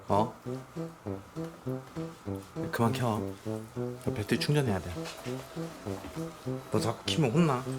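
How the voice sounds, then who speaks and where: A man hosting a comic ghost-hunting vlog indoors in a house, bantering and swearing at an unseen ghost, going from hushed to shouting. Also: mid-range voice, slow, long pauses, over music. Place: indoors in a house on a home visit.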